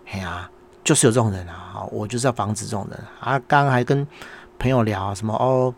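Man, Taiwanese Mandarin accent, middle-aged, low voice, casual monologue, exasperated storyteller. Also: a little fast, gravelly, a little hiss or hum. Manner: exasperated storytelling rant, acts out dialogue. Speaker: podcast host, small business owner.

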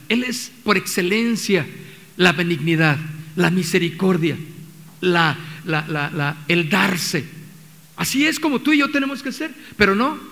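In a church hall full of long reverb, a man with a Mexican accent preaches as pastor. His voice is high-pitched and sharp, and he talks in a conversational way, frequently restarting and performing the quotes he cites.

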